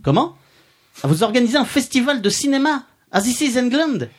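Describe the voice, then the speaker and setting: A man's voice: extremely high pitch, big pitch swings, fairly quick, voice pushed up, exaggerated voice. Guy doing a smug stuffy columnist, sneering and chuckling, comic podcast bit. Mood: smug, mocking. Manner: mock-pompous, sardonic, chuckling at own jokes. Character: pompous male columnist character roasting a guest.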